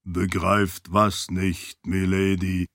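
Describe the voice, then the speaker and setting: A man voicing a calm, loyal adviser who speaks low, slow and soft. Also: no room sound, clean studio sound, full character voice. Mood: measured. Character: calm, loyal adviser to a princess, deep and measured.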